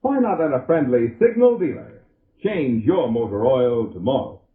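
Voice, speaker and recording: An American man reads a 1940s-flavored ad at a moderate pace, his pitch moving in animated swings over polished, emphatic sales lines. The vintage radio audio is muffled and lo-fi, with a roomy echo.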